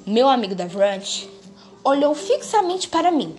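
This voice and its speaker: Woman reading a story over music. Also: high voice. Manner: measured, expressive reading with small restarts. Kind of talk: story read aloud. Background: faint music.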